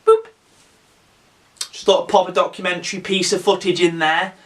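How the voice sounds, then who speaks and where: Excitable high-voiced man reviewing a film. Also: quick pace. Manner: excitable, rambling, swears freely. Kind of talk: casual film review vlog.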